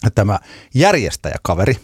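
A man co-hosting a podcast, casually telling a long anecdote in a relaxed storytelling way. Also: fairly low pitch, husky, no echo, studio quality. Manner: relaxed storyteller, laughs at his own tale. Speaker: podcast co-host.

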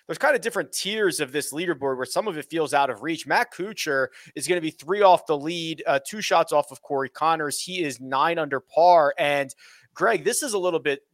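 A man's voice: fairly high pitch, fairly quick, fairly bright tone, dry recording, clean studio sound. A man hosting a golf podcast, giving casual, conversational golf commentary and thinking aloud as he goes.

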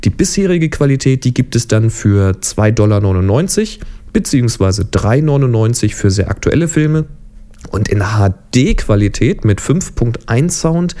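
A man hosts a podcast, talking through tech news in a loose, chatty way with wry little asides. His voice sits in a middle pitch and has a mellow, warm tone. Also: very animated, measured pace. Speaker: podcast host. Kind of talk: casual tech podcast commentary.

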